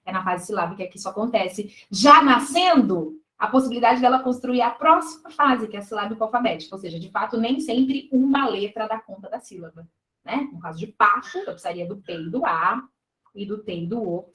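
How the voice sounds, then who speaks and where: A woman's voice: medium pitch, animated, fairly quick, fairly bright tone. Woman, Brazilian Portuguese accent, exam-prep teacher, step-by-step explanations, frequent check-ins, echoey room. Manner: explanatory, checks in with students often. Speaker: teacher reviewing exam questions. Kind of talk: live online exam-prep lesson.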